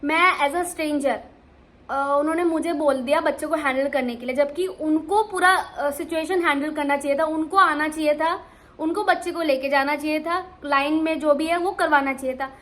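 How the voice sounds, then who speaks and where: A young woman vlogger casually telling a travel story, animated and full of restarts. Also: sits high, moderate pace. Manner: animated, many restarts and fillers.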